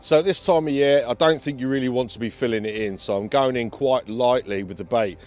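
Faint music plays behind a British angler as he explains fishing to camera from a lake bank. His instructional delivery for the feature is brisk, in a mid-range, slightly mellow voice with a British accent.

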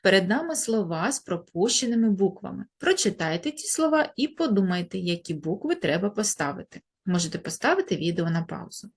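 A woman teacher giving a grammar lesson to young pupils, speaking slowly and stretching out each example word. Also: medium pitch, very animated, slightly rough. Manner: slow, deliberate, stretching out example words. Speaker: primary school teacher.

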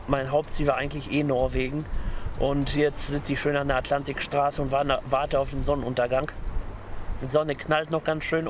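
A man in his thirties filming himself at arm's length, chatting in a relaxed way with dry humor as he travels outdoors and by car. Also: on the high side, slight background noise. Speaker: travel vlogger. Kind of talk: casual travel vlog. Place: outdoors on a coast and mountain viewpoint, later in a car. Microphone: camera held at arm's length. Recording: music laid under the voice. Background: background music.

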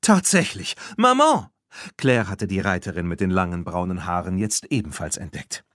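A man narrating a children's audiobook in a lively, expressive storytelling manner. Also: sits low, fairly quick, dry recording, clean studio sound. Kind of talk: scripted narration.

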